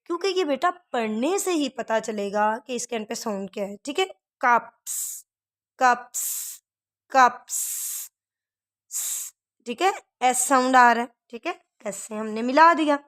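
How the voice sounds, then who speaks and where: A woman teacher giving a recorded English lesson, patiently drilling word endings by repeating each word slowly. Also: a little high, expressive, fairly bright tone. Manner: patient, calls the learner "beta", drills words by repeating them slowly.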